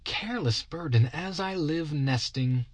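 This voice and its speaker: Brief: suave insinuating shop owner voiced by a man, raised pitch, dry close sound. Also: expressive, a little slow, no echo. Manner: smooth, insinuating, polite. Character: suave sly male magic shopkeeper.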